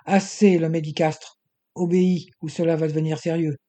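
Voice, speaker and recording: A man's voice: a little high, little pitch movement, moderate pace, mellow, lightly acted. A man reading an audiobook and voicing a tall, menacing stranger who gives curt orders at gunpoint. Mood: threatening. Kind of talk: audiobook character voice.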